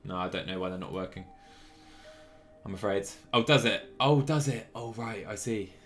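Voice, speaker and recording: A man live-streams a cycling management game, chatting casually and a bit apologetically as he thinks out loud. His voice is lowish and a bit bright, at a moderate pace, with music playing behind it.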